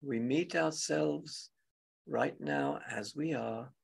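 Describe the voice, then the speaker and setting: Leading a guided meditation, this teacher has a husky, gravelly male voice that sits a little high. He talks gently and without a script, in brief phrases with long pauses, over slight background noise.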